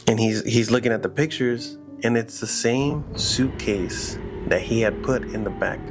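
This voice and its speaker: Man, casual storyteller, rambling horror tale, mid-pitched voice, faint music behind. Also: a little slow. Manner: loose and conversational, full of fillers like "you know" and "like".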